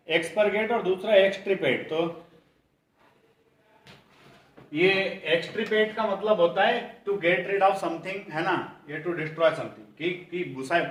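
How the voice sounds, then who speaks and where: A man with an Indian accent, teaching English vocabulary for an exam-prep class. He calls his students children, keeps asking them for the answer, and reads the English definitions slowly. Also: high voice, a bit bright, distant mic. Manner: addresses students as children, drills answers by repeating questions. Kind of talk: online coaching lesson. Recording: roomy echo, voice somewhat off-mic.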